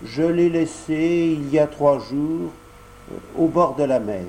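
A man's voice: a little high, unhurried, dark tone, slight background noise, low-quality recording. Man doing a big kindly storybook pigeon. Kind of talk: audiobook character voice.

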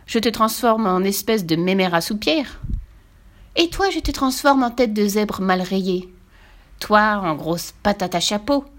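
A woman's voice: mid-range voice, expressive, unhurried, lightly acted. A woman voicing a spiteful, bickering witch who hurls silly rhyming insults in a storybook reading. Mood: mocking, spiteful. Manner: spits silly insults in rhymes.

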